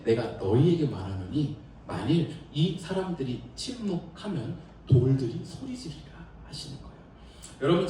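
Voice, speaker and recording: Male pastor, middle-aged, animated storyteller, slightly high voice, roomy church sound with faint hiss. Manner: animated storytelling with laughter and acted quotes. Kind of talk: sermon. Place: church sanctuary. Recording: echoey room from far off.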